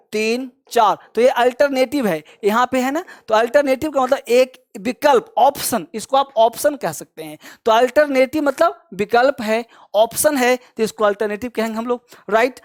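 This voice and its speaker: A male teacher giving a vocabulary lesson, emphatic and repetitive, drilling words and spelling them out letter by letter while urging students to memorize quickly. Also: extremely high pitch, no echo, studio quality. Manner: urges students to hurry and memorize.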